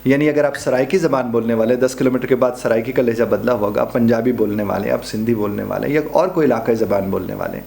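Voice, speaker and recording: A middle-aged man with a Pakistani Urdu accent, teaching a pronunciation lesson, spelling out and repeating example words slowly. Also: medium pitch, creaky, mellow. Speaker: pronunciation trainer. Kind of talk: spoken lesson.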